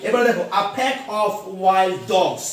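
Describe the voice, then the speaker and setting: Guy teaching an english class, high voice, keeps asking questions and making kids repeat, sounds far off in a really echoey room. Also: sing-song, slow, crowd noise. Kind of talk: classroom lesson.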